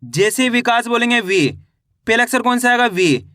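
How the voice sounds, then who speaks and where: Male reading teacher, high bright voice, dry close sound, sounds out syllables one by one and quizzes. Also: lively intonation, dry recording. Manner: sounds out each syllable slowly, then asks and answers; repeats rhetorical quiz questions to the viewer. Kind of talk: children's reading lesson.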